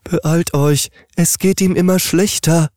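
A man's voice: on the high side, fairly even intonation, slow pace, a little mellow, no room sound, clean studio sound, pitched above the performer's own voice. A man reading an audiobook, voicing a panicky talking smart mattress in a frantic, pleading way.

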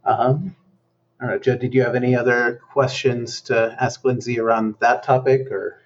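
A man's voice: mid-range voice, little pitch movement, moderate pace, muffled recording. A man hosting a casual podcast, asking questions in an easygoing way with fillers. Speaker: podcast host. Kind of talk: casual interview chat.

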